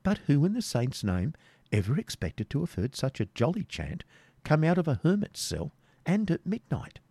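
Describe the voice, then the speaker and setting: Man doing a mocking court jester, high and hushed, sly, storybook fool, dry close sound. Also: huge pitch swings, normal speed, slightly rough, no echo, full character voice.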